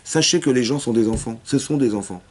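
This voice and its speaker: Fast-talking rabbi giving a lesson. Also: male voice, medium pitch, background noise. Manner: rapid, repetitive, often checks if listeners understood; acts out dialogues within his explanations. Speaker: rabbi teaching a class. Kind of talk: Torah lesson for women.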